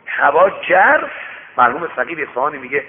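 A man preaching through a moral story, speaking lively and turning to warn his listeners directly. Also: fairly high pitch. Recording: tinny radio broadcast with long reverb.

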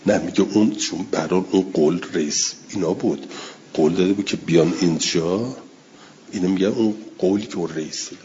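Deep-voiced man teaching a text lesson. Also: warm tone, lo-fi sound, slight background noise. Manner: reads out classical passages, then explains them plainly phrase by phrase; answers listeners' questions with repeated yeses and noes. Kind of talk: classroom text-study lesson.

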